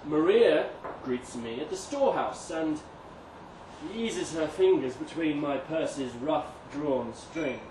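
At a live reading event, a man performs a comic historical monologue with theatrical flair, his voice swelling emphatically and then dropping to a hush. He pitches it on the high side and takes his time. The distant mic picks up an echoey room full of ambient noise.

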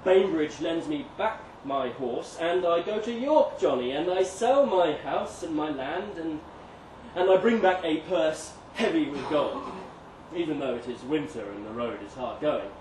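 At a live reading event, a male story reader performs a comic historical monologue with expressive, dramatic flair, swelling and hushing for effect. His voice is a little high and unhurried, picked up by a distant mic in an echoey, noisy room.

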